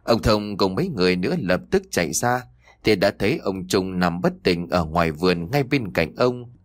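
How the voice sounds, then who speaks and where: A man's voice: low voice, animated, normal speed, no echo. A man narrating a ghost story and reading every character's lines in his own voice.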